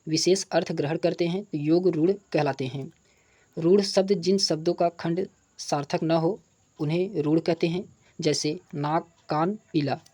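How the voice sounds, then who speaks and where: A teacher with a fairly high, darkish voice goes over old exam questions for test prep. He reads each question aloud, announces and repeats the answer, then explains it by slowly spelling out sounds and examples.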